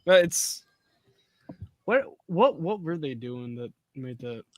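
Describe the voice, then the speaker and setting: A young man in a relaxed watch-along chat who cracks crude jokes and laughs at his own lines. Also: fairly high pitch, slow pace, no echo. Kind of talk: casual chat among friends.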